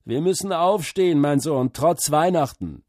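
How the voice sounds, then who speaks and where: Brief: loving husky farmer father, voice lifted above his own, slow and lilting, as a male narrator puts him on. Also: fairly high pitch, lively intonation, darkish tone, dry recording, studio quality, pitched above the performer's own voice. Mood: warm.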